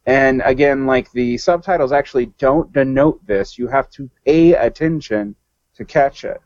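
A man's voice: medium pitch, moderate pace, darkish tone, no echo. Rambling man on a dull, dry line. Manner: rambling, with many restarts and self-corrections. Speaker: podcast guest. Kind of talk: casual film discussion.

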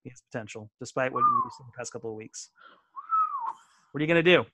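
A man's voice: medium pitch, wildly swooping pitch, quick pace, background noise. A man co-hosting a casual sports podcast, chatty and self-deprecating, often restarting his sentences. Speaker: podcast co-host.

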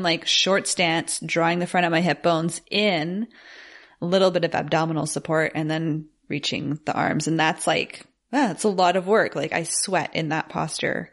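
A woman with a notably low voice describes yoga postures and her own practice in a casual podcast chat. She talks loosely, filling her sentences with "like" as she explains. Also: fairly bright tone. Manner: chatty, full of "like".

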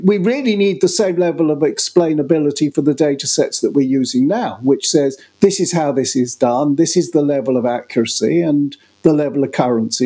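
A man speaking as a podcast guest, laying out his ideas in a measured, explanatory manner. His voice is mellow and a little raised in pitch. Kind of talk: casual podcast conversation.

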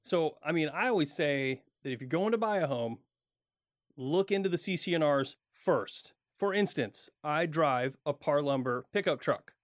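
Relaxed male radio co-host, dry sound. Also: a little high, moderate pace, no room sound. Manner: relaxed, filler-heavy. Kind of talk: casual radio chat. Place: radio studio.

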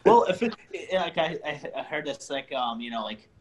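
Halting man in casual chat. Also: a little high, animated. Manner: halting, many restarts and fillers, laughs at his own stories.

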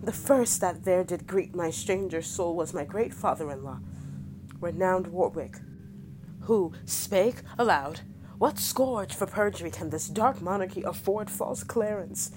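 A woman's voice: on the low side, unhurried, background noise, natural voice. A woman playing a frightened, guilt-ridden male duke in prison, speaking in classical stage verse. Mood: haunted. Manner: fearful, pleading classical verse.

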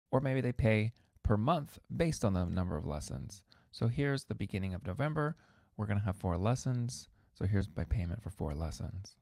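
A man's voice: on the low side, vocal fry, dark tone, dry recording, studio quality. A man who teaches piano, hosting an instructional podcast in a conversational, emphatic way that repeats words for stress.

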